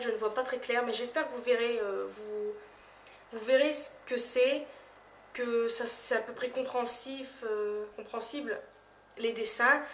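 A young woman with a slightly high voice talks through a casual vlog, pausing often on fillers and letting her phrases trail off softly. She sits a little back from the mic, so the room gives her voice a noticeable echo. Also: distant mic. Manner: hesitant, many fillers, soft trailing phrases. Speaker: YouTuber. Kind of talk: casual vlog tag answering questions.

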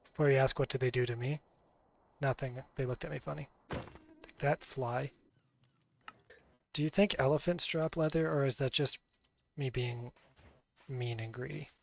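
A man's voice: mid-range voice, fairly even intonation, moderate pace, gravelly, long pauses. A man doing casual, playful game-stream commentary with mock-dramatic role-play, on a slightly noisy mic with clicks.

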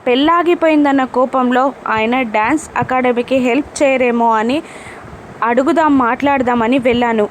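Woman reading a shy pleading young woman, hesitant, high voice. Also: moderate pace, slight background noise, lightly acted. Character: timid, tearful young woman.

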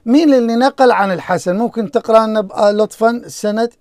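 A man hosting a call-in debate, pleading and repeating himself to calm a heated guest. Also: high-pitched, quick pace, no echo. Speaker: debate show host.

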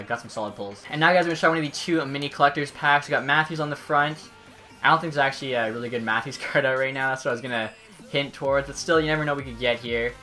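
A man's voice: a little high, sharp tone. A young man giving casual, chatty video game commentary, reacting informally as he goes. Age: young adult. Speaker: video game streamer opening card packs. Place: indoor room at home, webcam.

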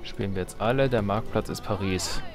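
A let's play host offers casual, jokey commentary on a strategy game, muttering to himself and to the characters. His voice is lowish and fairly quick, with game music and sounds behind it.

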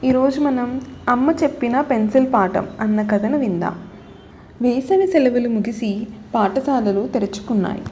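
High-voiced woman reading a children's story. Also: normal speed, mellow, a little hiss or hum.

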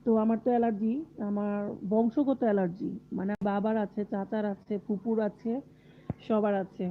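A woman's voice: medium pitch, fairly even intonation, normal speed, slight background noise. A woman from Bangladesh, unwell with a fever, chatting casually with viewers during a live stream from a closed room at home and often laughing. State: unwell with fever and body aches. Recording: tinny phone-like live stream audio.

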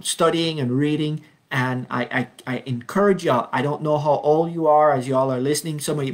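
Over a webcam at home, in video-call framing, a man from Belize in his fifties runs a casual Bible study. His voice is on the high side; he's earnest and unhurried, says um often, and slows when reading verses aloud.

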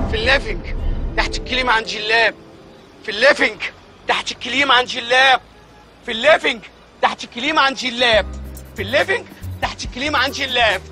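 An actor with an Egyptian accent playing a frantic grown man hunting for the TV remote, in TV sketch comedy. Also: very high voice. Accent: Egyptian Arabic. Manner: frantic, bursts into shouting. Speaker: comic actor.

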